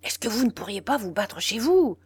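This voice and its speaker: A woman's voice: medium pitch, big pitch swings, normal speed, a little mellow, husky, no echo. A woman reading the part of an exasperated, bossy male theatre manager who scolds with urgency.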